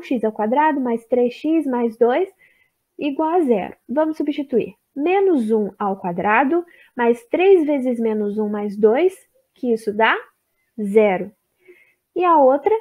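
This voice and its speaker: A young woman from Brazil, a teacher trainee, explaining a math lesson step by step in a deliberate way. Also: high voice, dark tone.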